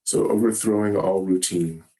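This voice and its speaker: A man giving a Zen dharma talk, gentle and halting, often pausing to search for words. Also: low voice, fairly even intonation. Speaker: Zen teacher. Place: meditation hall.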